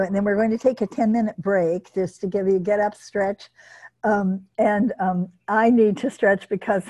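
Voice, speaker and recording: A woman hosts an online group session over a video call, telling a personal mishap between items. She talks chattily, restarting and repeating words. Her tone is dark and mellow. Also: mid-range voice, low-quality recording. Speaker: workshop host. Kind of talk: hosting an online workshop.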